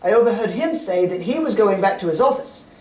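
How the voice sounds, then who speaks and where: A man's voice: sits high, animated, a little fast, mellow. A loyal doctor sidekick, played by a man in a radio play reading, inquisitive and given to telling the story. The voice sits back from the mic in a very echoey space. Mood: recounting. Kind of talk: old-time radio drama reading on stage. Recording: echoey stage recording, far from mic.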